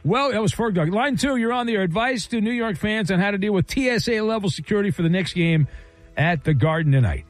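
A man hosting a late-night sports call-in radio show, taking calls in a smooth, quick, playful radio-host patter. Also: high voice, expressive, no echo, faint music behind.

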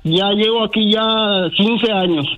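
A man's voice: high-pitched, measured pace, fairly bright tone, lo-fi sound, soft background music. A man calling into a radio show, indignant and emphatic. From Cuba. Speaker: caller. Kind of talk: call-in radio talk.

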